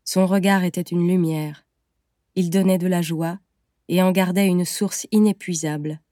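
A woman reading a story aloud in a measured, gentle storytelling manner. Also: on the low side, steady tone, dry recording, clean studio sound. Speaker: narrator. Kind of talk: scripted audiobook narration.

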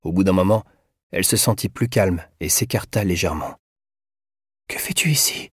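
A man reading a novel aloud as narrator, in a measured, even voice. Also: deep voice, slightly rough, no room sound, clean studio sound. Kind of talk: audiobook narration.

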